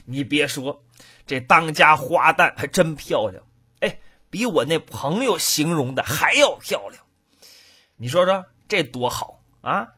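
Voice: medium pitch, animated, a little slow, sharp tone, breathy edge, pitched below the performer's own voice, heavily acted. A storyteller voicing a foolish, self-satisfied male servant in a comic folk tale. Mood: pleased. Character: foolish male servant, smug and simple-minded.

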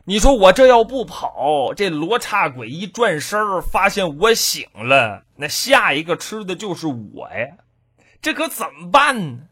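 A man telling a traditional comic story in a lively, dramatic, rhythmic way. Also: high-pitched, measured pace, husky.

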